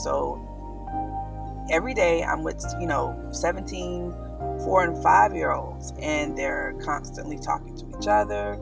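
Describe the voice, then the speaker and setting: Southern woman, kindergarten teacher vlogging, earnest and reflective, creaky edge to her voice, picked up from a way off over clear music. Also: deep voice, far from the mic. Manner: earnest, reflective, with frequent ums. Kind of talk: casual talk to camera. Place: outdoors in a public park.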